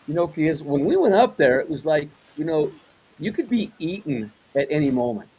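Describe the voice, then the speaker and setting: A man's voice: a little high, very animated, normal speed, darkish tone, slightly rough, low-quality recording. A man hosting a casual interview, rambling a little, often repeating words and restarting his questions. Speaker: host.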